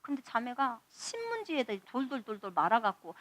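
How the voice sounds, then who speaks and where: A woman's voice: on the high side, huge pitch swings, fairly quick, fairly bright tone, no room sound. A woman missionary preaching a testimony sermon, telling stories and acting out dialogue with animation.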